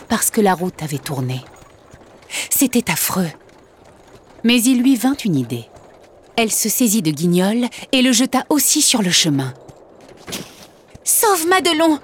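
Slow, expressive woman storyteller. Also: fairly low pitch, slight background noise. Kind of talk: children's audiobook narration.

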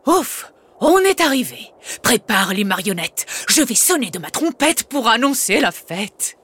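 A woman's voice: a little high, sing-song, a little slow, a bit bright, slightly rough, voice pushed up, exaggerated voice. A woman voicing a weary, worried father who scolds in exasperation in a storybook reading. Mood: relieved.

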